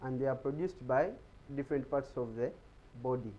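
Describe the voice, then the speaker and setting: A man's voice: mid-range voice, normal speed, muffled recording, a little hiss or hum. A man giving an explanatory talk on health in a TV studio, often repeating words as he searches for them. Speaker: guest speaker on health.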